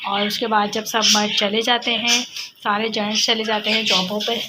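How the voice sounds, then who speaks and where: Chatty woman vlogging over loud noise. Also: mid-range voice, flat delivery, normal speed. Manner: chatty, rambling, many fillers. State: sore throat. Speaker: family vlogger. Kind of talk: casual home vlog narration while cooking. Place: home kitchen.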